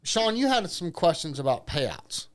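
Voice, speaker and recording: A man's voice: a little high, sing-song, a little slow. A man with an Ohio accent co-hosting a podcast, joking and rambling with restarts in casual chat. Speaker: podcast co-host.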